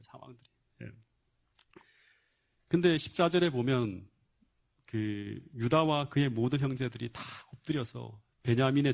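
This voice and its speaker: A man's voice: mid-range voice, vocal fry, darkish tone. Man preaching an emphatic Bible story. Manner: storytelling with rhetorical questions and frequent "yes" interjections. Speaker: pastor. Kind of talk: sermon.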